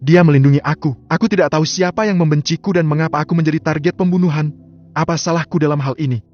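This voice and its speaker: A man voicing a gentle young woman doctor in shock, in a storybook reading. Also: on the high side, quick pace, pitched above the performer's own voice, lightly acted. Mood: shaken. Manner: pleading, shaken. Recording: slightly dull lo-fi audio. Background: faint music.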